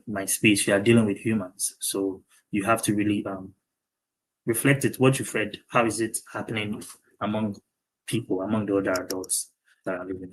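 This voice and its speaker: A young doctoral student with a Ghanaian accent and a lowish voice answers interview questions over a video call, thinking aloud with frequent pauses and ums. The low-quality recording carries a slight hiss or hum.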